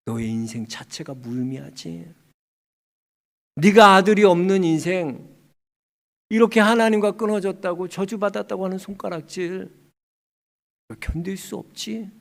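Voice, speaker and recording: A male pastor voicing God, who speaks softly and sorrowfully to a grieving woman in a sermon. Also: fairly high pitch, creaky.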